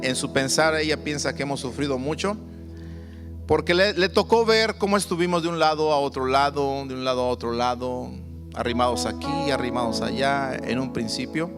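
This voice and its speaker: A man preaching a sermon as pastor, stressing and slowly stretching key words. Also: medium pitch, long reverb tail, music in the background.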